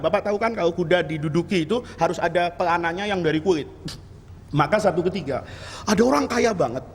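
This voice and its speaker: Male preacher, high voice, teasing and direct, long hall reverb. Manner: lively, teasing, addresses audience directly. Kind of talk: mosque sermon. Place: large mosque hall.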